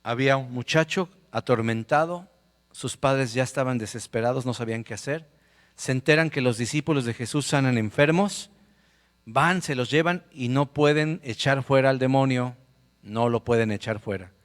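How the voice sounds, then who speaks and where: A male pastor preaching a lively sermon, swinging between loud exhortation and quiet storytelling. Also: medium pitch, moderate pace, big-room sound. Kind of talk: lively sermon with acted-out anecdotes. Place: church sanctuary with a PA speaker.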